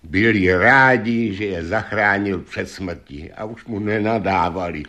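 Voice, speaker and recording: A man's voice: lowish voice, pushed and bright. Man reading a fairy tale aloud. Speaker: storyteller.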